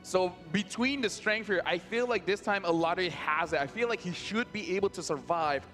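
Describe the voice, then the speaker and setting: A man doing live esports commentary as a caster, excitable and emphatic. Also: high-pitched, normal speed, soft background music.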